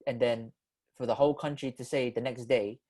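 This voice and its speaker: Podcast host in his twenties, relaxed slangy banter, average-pitched man, gets earnest. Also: fairly quick. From Philippines. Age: 20s. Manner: loose slangy banter, earnest when serious. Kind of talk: casual chat.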